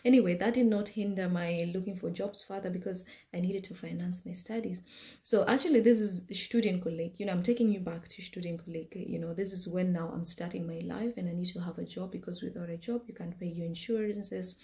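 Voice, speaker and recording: A woman's voice: fairly low pitch, steady tone, brisk, dark tone. A woman from Kenya, likely in her thirties, casually telling her own life story to camera, chatty and full of fillers and repeated words.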